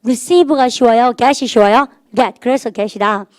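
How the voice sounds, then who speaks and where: A middle-aged woman teaches a grammar lesson in a higher voice, prompting her class to repeat after her again and again. The sound is close and completely dry, with no room in it. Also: slow pace, no room sound. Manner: drills students with call-and-response prompts. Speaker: English teacher. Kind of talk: recorded grammar lecture.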